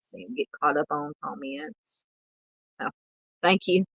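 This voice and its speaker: A woman from the American South hosting a true crime livestream, talking casually and haltingly with lots of ums and uhs while she reads chat. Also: low-pitched, sing-song, gravelly, fairly bright tone, husky, dry recording, highs cut off.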